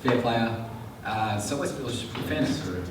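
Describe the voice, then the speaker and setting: A man's voice: medium pitch, animated, unhurried, heavy background noise. Man teaching a seminar in an echoey room. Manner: chatty, keeps checking the audience follows. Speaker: sales trainer. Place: room with a live audience. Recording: echoey room, mic far off.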